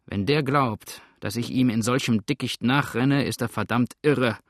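A rough river pirate barks orders and grumbles in a gruff, commanding voice, as a male narrator puts him on. The storybook reading sounds dry and close, with a middle-pitched base voice under the character. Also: unhurried, no room sound. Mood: grumbling.

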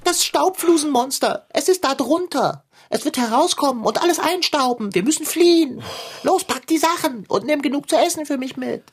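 A woman's voice: high voice, expressive, normal speed. A woman voicing a fat, anxious, fussy pet tomcat in a radio play, theatrical and easily frightened. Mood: panicked.

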